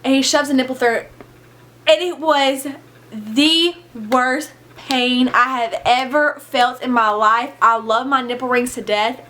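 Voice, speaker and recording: A young woman telling a candid storytime in a casual vlog, chatty and animated, swearing freely. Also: on the high side. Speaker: vlogger.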